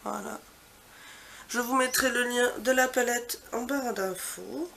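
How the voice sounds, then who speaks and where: A woman vlogger chatting casually through a makeup swatch walkthrough. She gushes with repeated superlatives and trails off into soft, quiet asides. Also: fairly high pitch, slow pace, vocal fry, a little hiss or hum. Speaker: beauty vlogger.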